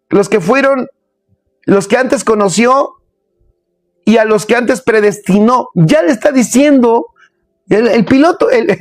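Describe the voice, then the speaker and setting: Emphatic preacher, dry sound. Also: male voice, high-pitched, no room sound. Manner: emphatic, repeats phrases, speaks straight to listeners. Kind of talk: sermon.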